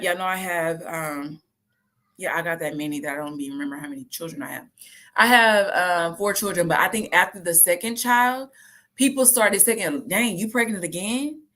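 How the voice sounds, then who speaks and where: A woman, talking casually and lively to her viewers and acting out the voices she quotes. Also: fairly low pitch, moderate pace. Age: 30s. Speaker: host.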